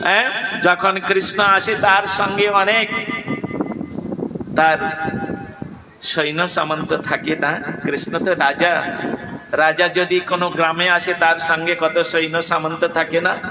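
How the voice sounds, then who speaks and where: A man's voice: on the high side, little pitch movement, takes it slowly, pauses often. A man preaching a devotional sermon, telling a sacred story and singing verses while addressing his listeners directly. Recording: echoey hall, distant mic, background noise.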